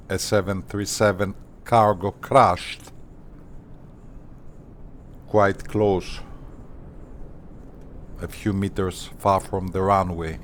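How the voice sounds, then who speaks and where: Slow, low-voiced man hosting flight-sim videos. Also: slight background noise. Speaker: flight simulator channel host. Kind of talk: casual tutorial commentary.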